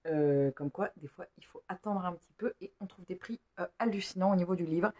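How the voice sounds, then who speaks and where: A woman's voice: lowish voice, a little fast, darkish tone. A woman chatting casually in a book haul vlog, rambling and talking to herself in little asides. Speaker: book YouTuber.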